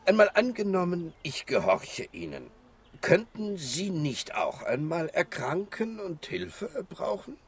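Doctor Dolittle, lively and measured. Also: male voice, sits high, gravelly, full character voice. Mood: calm, persuasive. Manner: measured, courteous, earnest. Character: kindly, unruffled animal doctor, man. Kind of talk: children's radio play acting.

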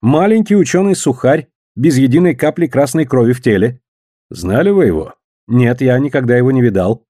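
A man's voice: mid-range voice, expressive, a little fast, mellow, no echo, studio quality, natural voice. A man voicing a hot-tempered, opinionated doctor in an audiobook, in a heated, raised voice.

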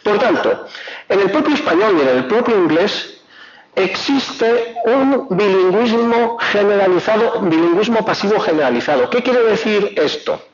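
A man's voice: high-pitched, animated, normal speed. A male professor giving an academic lecture, explaining step by step with rhetorical questions and self-corrections. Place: lecture hall. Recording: dull lo-fi recording.

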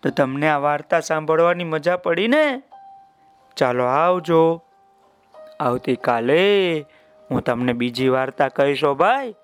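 A man telling a children's story in a folksy, drawn-out way, speaking to his listeners. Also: a little high, expressive, clear, resonant tone, soft background music.

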